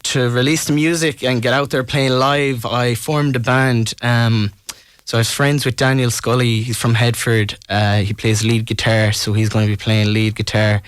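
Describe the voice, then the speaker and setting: A man's voice: mid-range voice, little pitch movement, moderate pace, smooth, no echo, clean studio sound. A man from Ireland with a west of Ireland accent, talking casually and tentatively as a musician in a radio interview.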